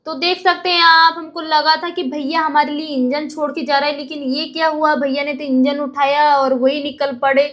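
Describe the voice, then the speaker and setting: Young woman, vlog narration, high voice, chatty storytelling, lively. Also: moderate pace, few pauses. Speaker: vlogger.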